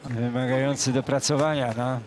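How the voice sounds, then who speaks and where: A man giving live boxing commentary in a conversational manner, often pausing with fillers. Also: medium pitch, flat delivery, slight background noise.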